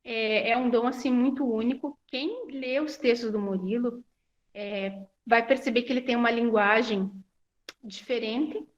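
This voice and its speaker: A woman's voice: a little high, a little slow, lo-fi sound. A woman giving a talk to a family support group, hesitant with many restarts and fillers. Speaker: guest speaker.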